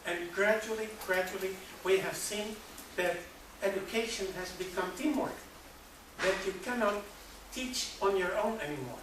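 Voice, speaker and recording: Measured speaker in a very echoey hall. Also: mid-range voice. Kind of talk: conference talk. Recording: very echoey hall, far from mic, noisy.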